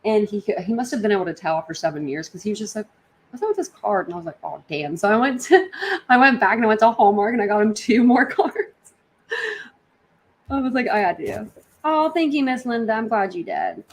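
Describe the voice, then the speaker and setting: Speaking fairly fast with an expressive, mid-range voice, a woman hosts a livestream indoors at her apartment. The talk is casual and wandering, full of slang.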